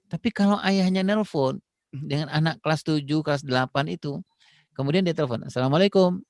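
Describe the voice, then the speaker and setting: A man giving a parenting talk in an easy, chatty way, sprinkling fillers as he explains. His voice sits slightly high, and the sound is close and dry with no room in it. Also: a little fast, dry recording. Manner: explains with many "gitu" fillers, acts out phone dialogues. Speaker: parenting speaker.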